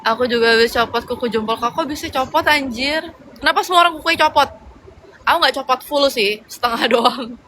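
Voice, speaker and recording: A young woman in a casual livestream chat, rambling along with slangy fillers as she answers viewer comments. Her voice sits a little high and sounds bright and forceful. A faint hum of noise runs behind her phone mic. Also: a little fast, rough recording.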